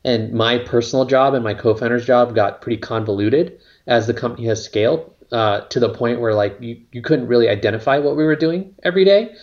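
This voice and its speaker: A man's voice: medium pitch, fairly quick, few pauses, darkish tone. Man, company co-founder, casual interview talk, rambling, filler-heavy, dull lo-fi sound.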